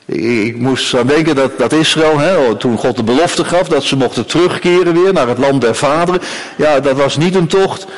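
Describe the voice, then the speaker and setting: Preacher in a reverberant church. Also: male voice, mid-range voice, normal speed. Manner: emphatic, frequent tag "hè" and repeated phrases. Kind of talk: sermon.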